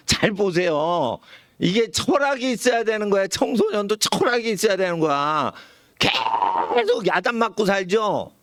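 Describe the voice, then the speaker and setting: A man, a pastor, preaching a sermon in a lively way, sometimes acting out the voices of the people he quotes. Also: mid-range voice, no echo, clean studio sound. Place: church sanctuary.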